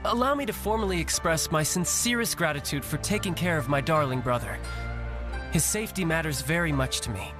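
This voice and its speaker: An actor playing a polite but competitive young male warrior in a video game, smooth and teasing, with game music behind. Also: on the high side, expressive, a little fast, natural voice. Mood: confident.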